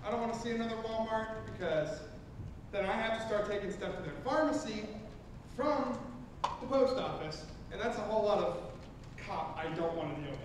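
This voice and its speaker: A grumbling small-town mail carrier, acted by a man in improv comedy. His voice is high and distant in a noisy, echoing room. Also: brisk, lightly acted. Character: grumbling small-town mailman dodging extra work. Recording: echoey room from far off, noisy.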